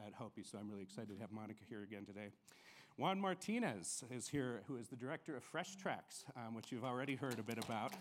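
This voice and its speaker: Brisk upbeat man moderating a panel. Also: medium pitch. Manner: brisk and upbeat, with frequent ums. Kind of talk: conference panel introductions. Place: conference plenary stage.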